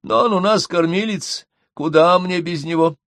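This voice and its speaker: A man voicing an elderly mother, fussy and self-pitying, with a high, drawn-out plaintive voice. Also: a bit bright, no room sound, studio quality. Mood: complaining.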